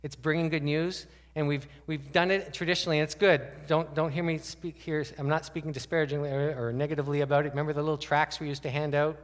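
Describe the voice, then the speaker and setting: A man's voice: on the high side, flat delivery, fast, hardly any pauses, long reverb tail. A man preaching a conversational sermon as a pastor, asking the congregation many rhetorical questions. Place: church sanctuary.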